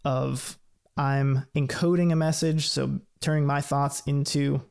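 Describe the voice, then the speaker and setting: A man explaining ideas in a relaxed, casual chat, thinking aloud with light laughs. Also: mid-range voice, unhurried, vocal fry, clean tone.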